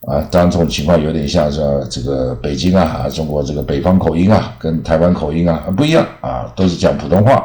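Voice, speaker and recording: A male teacher giving a casual spoken lesson, rambling and tacking a drawn-out "ah" onto most phrases. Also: a bass voice, warm tone. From Taiwan. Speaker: English teacher. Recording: echoey room.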